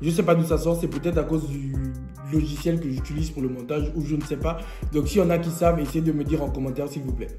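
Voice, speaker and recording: Young male vlogger, high voice, playful storyteller, echoey room, faint music underneath. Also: fast. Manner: lively, joking storyteller who laughs often. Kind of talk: storytime vlog.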